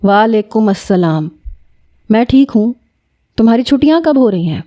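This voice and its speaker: A woman voicing a stern, commanding old grandfather who speaks slowly and curtly. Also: a little high, animated, dark tone, lightly acted. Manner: slow, curt, threatening.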